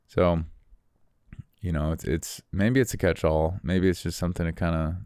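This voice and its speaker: Very deep-voiced young American man, rambling. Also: steady tone, a little mellow, smooth, dry recording, clean studio sound. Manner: rambling, halting, repeats words. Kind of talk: unscripted reflective monologue.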